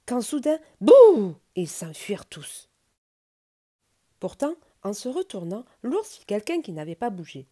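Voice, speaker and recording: A woman reading a children's bedtime story aloud in a playful, dramatic way. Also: mid-range voice. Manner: animated, playful, dramatic pauses.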